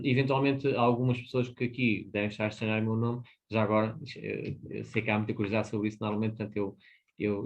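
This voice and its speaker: A man in his fifties with a European Portuguese accent, speaking in a fairly low voice. He presents a webinar in an explanatory way, hesitating often and checking in with tag questions. The sound comes through a dull, lo-fi video call microphone. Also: creaky. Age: 50s. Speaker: webinar presenter on business financing.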